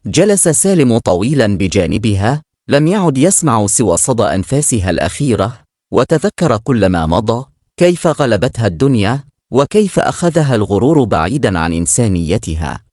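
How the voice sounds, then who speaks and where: A man reads a dramatic moral tale in a solemn voice. His pitch rises and falls expressively around a middle register. The recording is dry and close, with no room sound. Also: very animated, normal speed, darkish tone, no room sound. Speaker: narrator. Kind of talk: scripted dramatic story narration.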